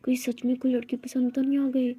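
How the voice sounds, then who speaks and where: A woman's voice: sits high, monotone, fairly quick, dark tone, breathy edge. A woman voicing a possessive, hot-tempered young woman in love who scolds and bosses her partner. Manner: bossy, scolding.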